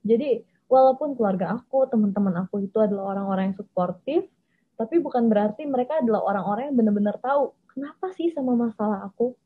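A young woman vlogger candidly and casually tells her personal story, often mixing English phrases into her speech. She talks fast in a fairly high voice with a breathy edge, and the audio sounds tinny, like a phone.

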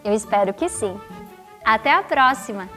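A woman telling a children's story, expressive and playful, drawn out, with asides to her young listeners. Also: on the high side, normal speed, faint music behind.

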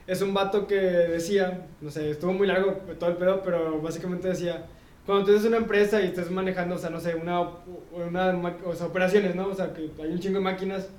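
A young man with a Mexican accent, rambling in quick slangy bursts. His voice sits high and his speech runs very fast. The room around him is noticeably echoey. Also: steady tone, a little mellow. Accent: Mexican Spanish. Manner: slangy, rambling, peppered with güey. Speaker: podcast co-host. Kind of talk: casual chat.

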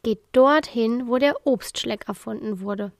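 A woman's voice: a little high, unhurried, dry recording, clean studio sound. A woman voicing a friendly riddle-keeping seagull.

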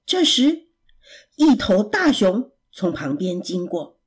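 A woman storyteller reading a children's story aloud in an expressive, lively way. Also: mid-range voice, takes it slowly, breathy edge.

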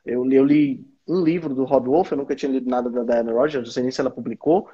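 A man's voice: mid-range voice, steady tone, fast talker, mellow, husky. A man with a Brazilian accent hosting a casual interview, enthusiastic and often repeating words as he thinks. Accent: Brazilian Portuguese. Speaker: interview host. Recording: dull lo-fi audio.

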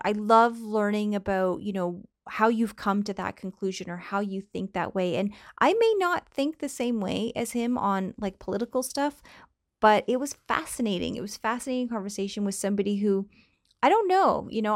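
Woman solo podcast host, mid-pitched, candid and loose, casual swearing, close dry sound. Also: dry recording. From Canada. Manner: chatty and candid, swears casually, laughs often.

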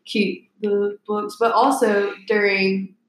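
A woman's voice: mid-range voice, little pitch movement, slow pace, reverberant, low-quality recording. A woman in her twenties, a guest on a casual podcast, talking at length with lots of fillers and likes. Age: 20s. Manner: chatty, rambling with fillers.

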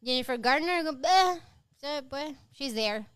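A woman's voice: high voice, animated, slow pace, a bit bright. A woman, co-hosting a casual film chat, blunt and sarcastic and dropping English words into her talk. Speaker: podcast co-host and film reviewer.

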